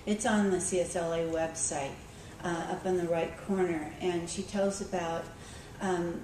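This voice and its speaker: A woman's voice: on the low side, fairly even intonation, a little slow. Woman speaking in an echoey hall. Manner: conversational, with frequent ums and restarts. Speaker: school librarian speaking at a conference. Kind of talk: conference talk, storytelling. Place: conference room. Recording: echoey hall, recorded from far off with background noise.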